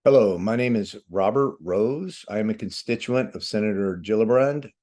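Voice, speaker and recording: A man leaving a measured, earnest voicemail, speaking formally with occasional fillers. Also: on the low side, darkish tone. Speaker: host calling his representatives. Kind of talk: formal phone message.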